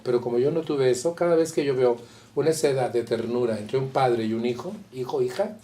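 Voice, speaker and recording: A man's voice: mid-range voice, warm tone, a little hiss or hum. A man with a Mexican accent speaking candidly and colloquially to a support group, often turning to ask his listeners questions. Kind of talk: personal talk to a support group.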